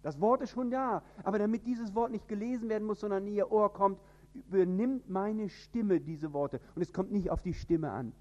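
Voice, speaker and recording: A man from northern Germany with a standard High German accent, preaching an emphatic sermon. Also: moderate pace, highs cut off. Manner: emphatic, with sudden rises in pitch and loudness.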